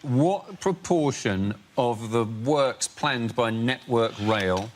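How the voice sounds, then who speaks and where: A man, a comedy panellist, delivering deadpan jokes in a TV studio. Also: medium pitch, slow pace. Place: TV studio with audience. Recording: noisy studio recording.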